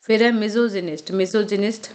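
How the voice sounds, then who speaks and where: A woman lecturing on vocabulary for exam preparation, speaking in Hindi on the terms. She slows right down to read out passages and drills pronunciations one word at a time, and she keeps checking in with short questions to her students. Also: medium pitch, steady tone, a little mellow. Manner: explains words in Hindi, reads English lines slowly. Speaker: vocabulary teacher. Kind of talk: recorded exam-prep lecture.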